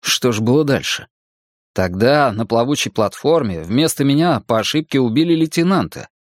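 A male audiobook narrator with a medium-pitched voice. He reads a first-person story dramatically, and the recording is close and dry. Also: lively intonation, moderate pace, no room sound.

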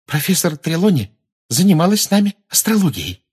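A man putting on an eager, high-pitched schoolgirl. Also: normal speed, husky. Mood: excited. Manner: breathless, excitable questions. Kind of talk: audiobook character voice.

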